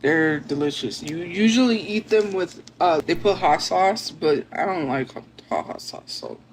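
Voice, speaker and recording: A woman with a lowish, expressive voice chats casually with her viewers on a livestream, reacting to their comments. She talks at a normal speed, with slight noise in the background.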